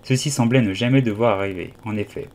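Low-voiced man reading an audiobook. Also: fast, a little mellow, slight background noise. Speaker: audiobook reader. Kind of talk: audiobook narration.

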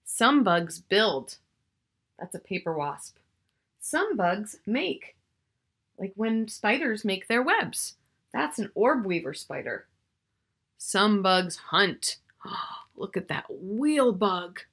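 A middle-aged woman's sing-song voice, medium in pitch, slightly bright and husky, moves slowly with long pauses. She is reading a picture book aloud to young children indoors in a small furnished room at home, drawing out key words and chatting to the listener.

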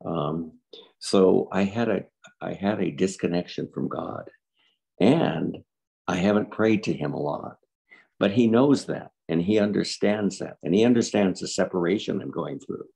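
An older man in his seventies with a very deep voice that sits at the bottom of its range. The tone is gravelly and a little husky. He talks earnestly and reflectively, leaning on repeated words. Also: unhurried, dark tone. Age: 70s. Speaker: guest. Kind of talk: personal interview.

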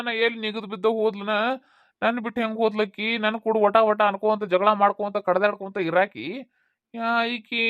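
A fretful old village father-in-law, played by a woman, who rambles and asks the same questions over and over in a North Karnataka Kannada accent. The voice sits fairly high for the part, and the recording is dry and close. It comes from a homemade village comedy skit. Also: dry recording, dull audio, natural voice.

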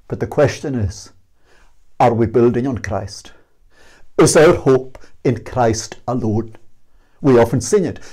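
A man's voice: medium pitch, a little mellow. An older man with a Scottish accent preaching earnestly, asking searching questions, then leading a prayer. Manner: earnest, emphatic questioning, slow and measured. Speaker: minister. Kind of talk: sermon and closing prayer. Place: small indoor room against a plain wall. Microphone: fixed camera at medium distance.

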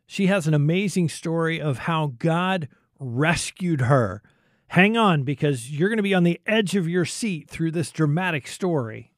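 A man's voice: sits high, dry recording, clean studio sound. A man presenting and narrating a radio programme from a script as its host.

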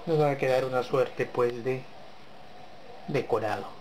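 The man's voice is medium in pitch and darkish in tone, and his pace is a little slow. The low-quality recording carries a faint hiss or hum. As host of a home cooking channel, he guides viewers through a dessert step by step in his kitchen, chatting casually with them while he works.

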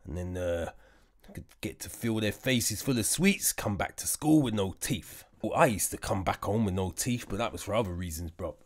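A man's voice: fairly low pitch, lively intonation, moderate pace. A man giving a casual music production tutorial, joking around and mocking himself as he goes. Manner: jokey, slangy, self-mocking.

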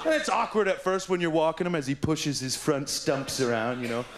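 A male stand-up comedian doing an absurd, rambling set on a club stage, swinging between squeaky highs and mumbled lows. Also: brisk, very noisy. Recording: roomy club, loud audience laughter.

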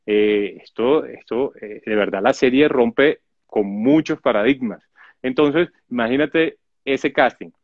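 A man, an actor being interviewed, telling stories about his work in an animated, chatty way with many restarts. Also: mid-range voice, a little slow, no echo. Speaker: actor guest. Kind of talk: casual interview storytelling. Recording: dull lo-fi dry audio.

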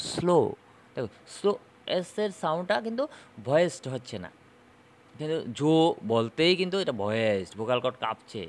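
A man teaching a phonetics lesson, slowly repeating and demonstrating sounds and often checking "okay?". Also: mid-range voice.

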